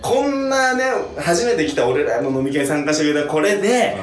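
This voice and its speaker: A man's voice: fairly high pitch, animated, moderate pace, roomy sound, faint music behind. A young man casually telling a long, funny story on a podcast, acting out quotes and laughing often. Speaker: podcast co-host.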